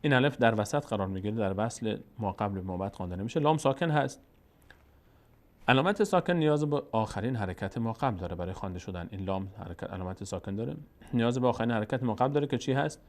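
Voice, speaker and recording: A man with an Afghan Dari accent teaching how to read Quranic letters, patiently repeating syllables slowly and drawing them out. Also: on the low side, lively intonation. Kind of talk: slow step-by-step recitation lesson.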